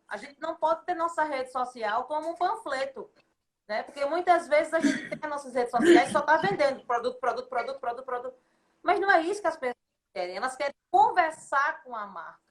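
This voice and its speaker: A woman's voice: sits high, fairly bright tone. A woman, a consultant guest explaining her points in a didactic, list-like way on a podcast. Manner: didactic, lists points in repeated phrases.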